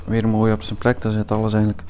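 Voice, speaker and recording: A man, a motorcycle builder explaining his work in a workshop in a relaxed, hesitant way with many fillers. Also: on the low side, quick pace. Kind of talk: explaining while working.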